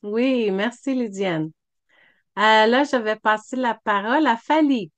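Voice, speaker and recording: Over a computer mic on a video call, a woman facilitates an online meeting, giving the floor to each speaker in turn and praising their answers. Her voice is on the high side and a little slow, with no room sound.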